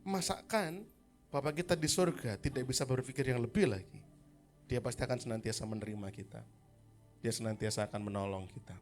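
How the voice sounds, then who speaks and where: A man preaching a sermon at a church service, talking casually with the congregation and calling on people by name. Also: mid-range voice. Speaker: pastor. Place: church service in a hotel hall.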